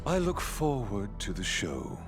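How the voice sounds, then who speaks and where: A man voicing a mysterious, teasing trickster deity in an animated series, hushed and fond, with music underneath. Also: lowish voice, unhurried, full character voice. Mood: teasing, tender. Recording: animated series clip with score.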